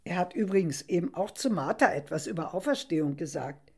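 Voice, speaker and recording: A woman narrating a story in the first person, in an expressive, wondering and reflective way. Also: lowish voice, brisk, breathy edge.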